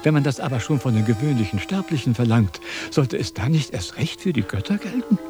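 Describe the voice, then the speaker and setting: An actor playing a vain, pompous philosopher in a 1970s radio drama, lecturing and easily indignant. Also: male voice, mid-range voice, sing-song, fairly quick, music in the background, natural voice. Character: vain, pompous old male Chinese philosopher.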